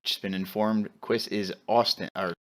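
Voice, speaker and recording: A man's voice: lowish voice, flat delivery, normal speed. A man doing play-by-play as an esports caster for a hockey match, somewhat hesitant as he works through the action. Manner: hesitant, feeling his way through player names.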